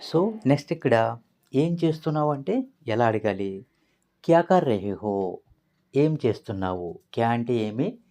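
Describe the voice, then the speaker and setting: A man in a language-lesson recording, breaking each phrase into its words and repeating it patiently. His pitch sits in the middle but moves around a great deal, so he sounds lively rather than flat. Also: unhurried, pauses often. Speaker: language teacher. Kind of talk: explaining phrases word by word.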